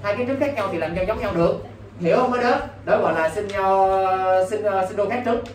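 A man's voice: sits high, steady tone, quick pace. A male English teacher, giving an exam-prep lesson and constantly quizzing his students. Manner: quizzing, keeps asking "got it?". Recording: roomy, distant mic, faint background noise.

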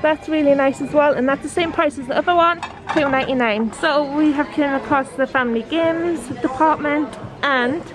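In a low-quality recording, a family vlogger in her thirties with a Geordie accent, from Newcastle upon Tyne, talks in a high voice at a moderate pace with few pauses. Holding her camera as she browses a large indoor discount store, she chats eagerly about what she finds and reads prices out, while store music and shoppers carry on behind her.

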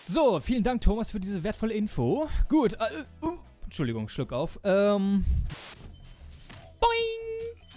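Excitable, high-pitched let's player man. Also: normal speed, hardly any pauses, soft background music. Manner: excitable, yells at enemies, swears. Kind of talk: game commentary.

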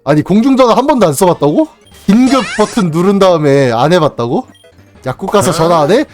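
A man's voice: sits high, animated, fairly quick, soft background music. A young man in his twenties, casually chatting on a live stream, teasing his viewers with playful mock outrage and frequent laughter.

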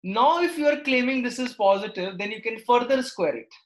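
A man's voice: very high-pitched, expressive, fairly quick. A man teaching maths live, working through steps aloud and checking understanding with short questions. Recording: echoey, roomy sound.

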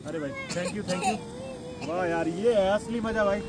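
A man's voice: high-pitched, sing-song, slow, a crowd in the background. A man in his thirties bantering playfully by a campfire at night, teasing his friends. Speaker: camping friend. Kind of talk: casual banter.

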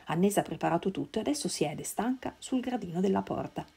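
A woman reading a literary novel aloud in a measured, solemn way. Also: medium pitch, lively intonation, gravelly, warm tone, husky. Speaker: reader.

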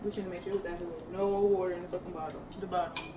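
A woman's voice: fairly low pitch, steady tone, fast talker. A young woman chatting casually in a blunt, sweary, slangy way. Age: young adult. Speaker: vlogger doing a noodle eating challenge. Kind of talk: casual chat. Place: living room sofa, indoors. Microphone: camera a few meters away. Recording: roomy, distant, noisy camera audio.

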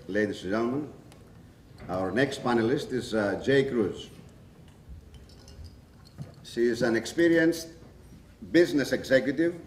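An older man moderating a panel and formally introducing each speaker to the audience. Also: mid-range voice. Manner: formal, emcee-style introductions. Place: large restaurant function room. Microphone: table mic on a stand, camera at a distance. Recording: roomy, distant, faint room noise.

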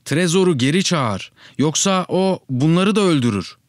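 A man's voice: mid-range voice, normal speed, no room sound, close to an everyday voice. A man reading the lines of a tender-hearted young boy in a told story, earnest and pleading, in a dry, close recording. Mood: shouting. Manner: pleading, earnest, rising to shouts.

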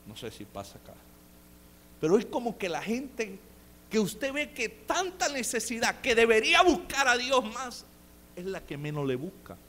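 A male pastor, preaching a live church sermon that swells into shouting. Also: very high-pitched, sing-song, moderate pace. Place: church sanctuary.

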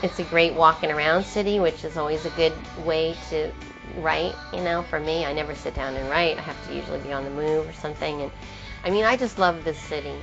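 A woman's voice: deep voice, fairly quick, creaky. A woman singer-songwriter talking casually in an interview, rambling with frequent restarts and trailing thoughts. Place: in New York. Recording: muffled lo-fi film sound. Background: guitar music underneath.

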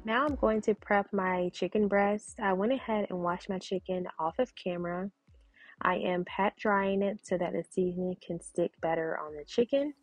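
A woman narrating her cooking video in voice-over, calmly explaining each step. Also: mid-range voice, normal speed, no echo, soft background music. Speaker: cooking vlogger.

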